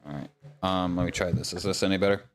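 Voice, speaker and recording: A man's voice: low-pitched, fairly even intonation. A man narrating a tabletop game as game master, speaking hesitantly with many ums, his laptop fan humming into the microphone. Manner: halting narration with frequent ums and uhs. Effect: laptop fan humming into the mic.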